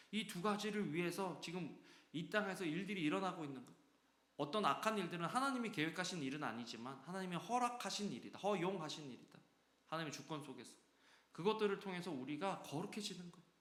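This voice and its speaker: Pastor, male, bright forceful tone, higher-pitched, church echo, animated preaching with acted-out asides. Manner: animated, acts out quoted voices with sudden loud and soft swings. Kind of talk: sermon. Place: church sanctuary. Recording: echoey church hall.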